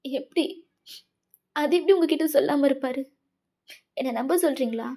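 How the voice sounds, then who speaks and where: A woman plays a heartbroken young woman, her voice a touch high yet soft and mellow. She pleads and accuses through tears in a fan fiction voice-over. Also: normal speed. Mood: accusing.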